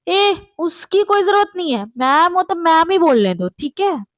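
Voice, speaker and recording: Woman voicing a jealous flustered young woman, sharp, fretful, high voice, dry sound. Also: expressive, a little slow, no room sound. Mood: snappy. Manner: sharp, fretful, scolding herself.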